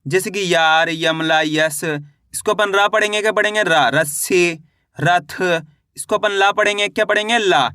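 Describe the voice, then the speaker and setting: A man with a high, bright voice runs an alphabet lesson one letter at a time. He drills each sound and has learners repeat after him. The sound is dry and close, with no room echo. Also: measured pace, clean tone. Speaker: Hindi reading teacher.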